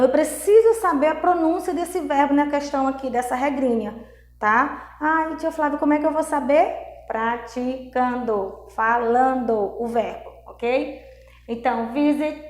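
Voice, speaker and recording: A woman from Brazil teaching English grammar in a video lesson, explaining step by step, checking in often and reading English examples slowly. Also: sits high, reverberant.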